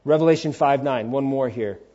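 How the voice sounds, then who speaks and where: A man in his forties delivers a sermon, emphatic and informal, full of rhetorical questions, acted-out quotes and casual conversational asides. His mid-range voice moves fairly quickly and sounds warm, though the audio is dull.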